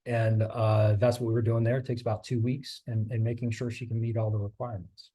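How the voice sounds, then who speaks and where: A middle-aged guest speaker talks casually about his maritime career, loose and chatty, with many fillers and restarts, and his voice is going a little. He speaks fairly quickly in a low, level, mellow voice with a breathy edge.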